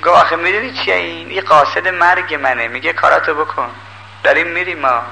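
An older man preaching a sermon in a lively, emphatic way, pleading with and scolding his listeners. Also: on the high side, vocal fry, a little hiss or hum, low-quality recording.

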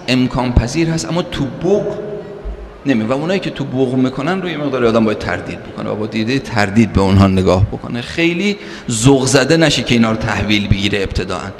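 A man, a cleric, answering a religious question in a measured, emphatic way and repeating key phrases. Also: mid-range voice, a little hiss or hum. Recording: echoey hall.

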